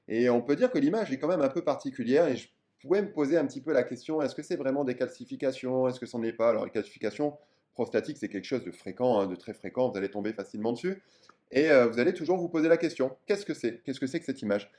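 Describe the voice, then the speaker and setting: Guy doctor chatting thru an ultrasound lesson, lots of euh, eager, mellow voice. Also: medium pitch, fast talker. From France. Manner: chatty, enthusiastic, many fillers. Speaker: general practitioner teaching ultrasound. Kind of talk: casual video lesson.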